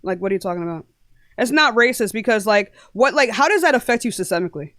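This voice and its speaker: A woman's voice: fairly high pitch, expressive, quick pace, a bit bright, no room sound, clean studio sound. A young woman hosting a live-stream debate, blunt and combative, often talking over her guests. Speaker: livestream debate host.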